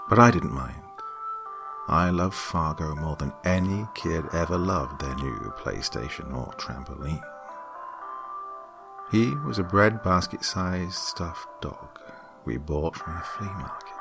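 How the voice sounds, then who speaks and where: A man narrating a scripted horror story in a hushed, creeping manner. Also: rumbling low, creaky. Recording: music bed behind the voice.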